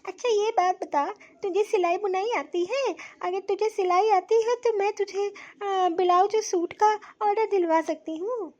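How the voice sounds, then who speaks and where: A woman's voice: very high-pitched, normal speed, few pauses, muffled recording. A woman doing a fussing motherly aunt. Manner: warm, coaxing, fussing over the girl. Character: kind motherly middle-aged neighbour aunt. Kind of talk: cartoon voice acting.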